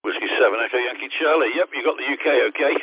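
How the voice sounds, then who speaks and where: A man's voice: mid-range voice, expressive, fairly quick, slightly rough, no echo. A man answering a radio call over a ham radio link, talking casually with plenty of hesitant fillers. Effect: heard over a ham radio link. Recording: narrow tinny radio transmission.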